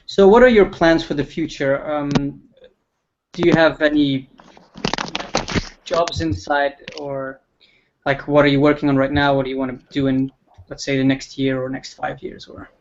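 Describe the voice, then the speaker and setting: A man hosting a relaxed livestream interview, talking with frequent ums and restarts. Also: fairly high pitch, normal speed, muffled recording, noisy background. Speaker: livestream host.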